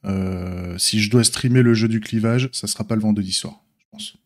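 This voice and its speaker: This man, a streamer who also develops software, hesitantly thinks aloud through an informal, unscripted update on his stream. A slight lisp makes his s sounds slushy. He speaks at a moderate pace in a lowish, darkish voice.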